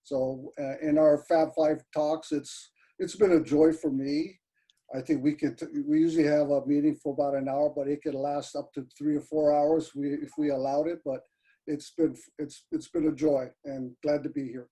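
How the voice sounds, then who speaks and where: Mellow-voiced man in his fifties. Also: on the high side, little pitch movement, moderate pace, slightly rough, poor audio. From Hawaii. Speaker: senior associate athletic director. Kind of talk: casual introduction on a video call. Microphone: video call.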